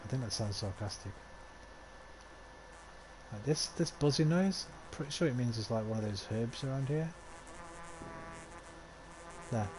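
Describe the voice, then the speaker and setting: A man with a sore throat streams a game, chatting casually with viewers, swearing offhandedly and reading the game's dialogue aloud between remarks to chat. His mid-range voice moves at a measured pace with frequent pauses, over a noisy background.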